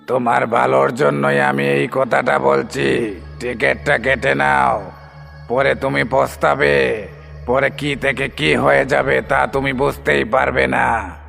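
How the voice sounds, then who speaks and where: A man's voice: mid-range voice, steady tone, a bit bright, heavily acted. A man doing a cackling ghostly bus conductor. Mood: taunting. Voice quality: gravelly, cackling laugh. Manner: slow, taunting, calls passenger babu. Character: sinister ghostly male bus conductor, mocking. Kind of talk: Bengali horror audio drama. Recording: long reverb with background music.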